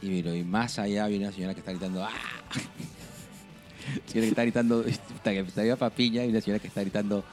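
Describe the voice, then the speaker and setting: A man with a Peruvian Spanish accent talks in a low voice, loose and slangy, with frequent swearing. He tells stories with laughter in casual podcast chat, and faint music sits behind him. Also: fairly even intonation, fast talker, a little mellow. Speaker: podcast co-host.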